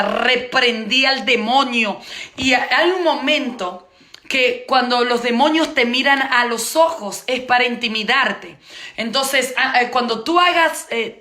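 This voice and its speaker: A woman preacher shares a testimony in a sermon, her voice high and bright. She tells the story vividly and repeats key phrases for emphasis. The sound carries a noticeable room echo. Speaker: preacher teaching on intercession. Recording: echoey room.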